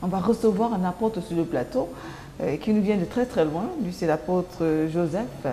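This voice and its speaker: Mellow-voiced woman hosting morning TV. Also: on the low side, normal speed, echoey room, a little hiss or hum. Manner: lively, repeats herself. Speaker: TV host. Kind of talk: morning TV presenting.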